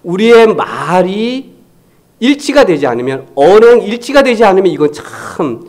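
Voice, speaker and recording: A man's voice: sits high, sing-song, measured pace, a little mellow. A man preaching a Sunday sermon as pastor, talking conversationally, acting out quoted remarks and dropping to near-whispers for emphasis. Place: church sanctuary.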